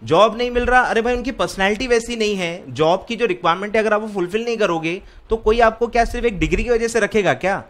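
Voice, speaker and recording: A man's voice: sits high, quick pace, hardly any pauses, fairly bright tone. A man, lecturing CS students and scolding them with rhetorical questions. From Maharashtra, India. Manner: scolding, rhetorical, keeps asking if you follow. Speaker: CS exam mentor.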